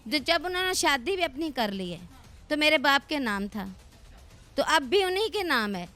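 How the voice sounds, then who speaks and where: High-voiced aggrieved middle-aged woman. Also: sing-song, bright, forceful tone, soft background music. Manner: aggrieved, explaining at length. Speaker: madrasa head. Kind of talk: news interview.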